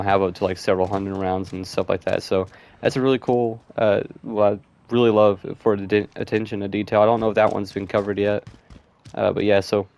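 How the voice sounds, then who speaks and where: A man's voice: lowish voice, gravelly, a little mellow, clean tone. A man giving casual, rambling gameplay commentary, thinking aloud with lots of fillers. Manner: rambling, loose, with frequent fillers like "and stuff".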